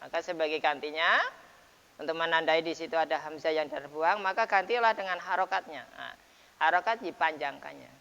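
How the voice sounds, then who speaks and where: A man teaching the rules of Quran recitation in a relaxed lesson, explaining step by step with frequent checks and fillers. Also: on the high side, brisk, vocal fry, smooth. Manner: explains patiently with many repeated checks and fillers. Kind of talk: informal tajwid lesson. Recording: dull lo-fi sound, long reverb.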